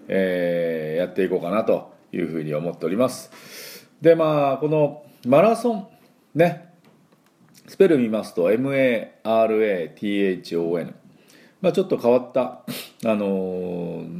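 Deep-voiced chatty male English teacher. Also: dark tone. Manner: chatty and explanatory, with many drawn-out fillers; demonstrates pronunciation slowly for listeners to repeat. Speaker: English teacher and show host. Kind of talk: casual radio-style English lesson.

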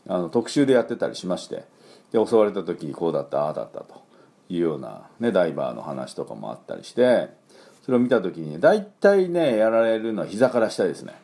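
A man's voice: deep voice, big pitch swings, a little fast, creaky, dark tone. A man teaching English pronunciation in a casual spoken lesson, chatty with lots of fillers and repeated sound demonstrations.

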